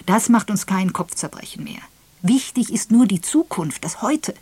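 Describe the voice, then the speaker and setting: A woman voicing a shrewd, gentle elderly spinster detective who speaks softly, half in a whisper, in an audiobook. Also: mid-range voice, animated, moderate pace, breathy edge, no room sound. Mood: earnest.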